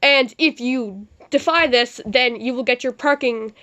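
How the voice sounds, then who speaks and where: A woman playing a sarcastic male news anchor, reading her reports in a deadpan tone with dry asides. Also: on the high side, unhurried. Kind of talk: amateur mock newscast.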